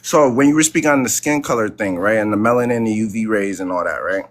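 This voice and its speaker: A man's voice: on the low side, fast, a little hiss or hum. Defensive male caller from Connecticut. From Connecticut, United States. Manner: defensive, keeps asking to be heard, casual slang. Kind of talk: live call-in debate.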